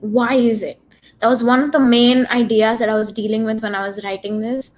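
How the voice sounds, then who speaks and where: A woman's voice: fairly high pitch, little pitch movement, fairly quick, a little mellow. Earnest woman filmmaker with many "likes". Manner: earnest, frequent "like" fillers. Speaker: filmmaker guest. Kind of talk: answering in a panel Q&A.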